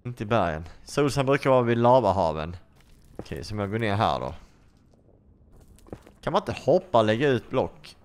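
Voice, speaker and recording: A man giving excitable let's play commentary, asking question after question and swearing freely. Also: lowish voice, long pauses, clean tone. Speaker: gaming YouTuber.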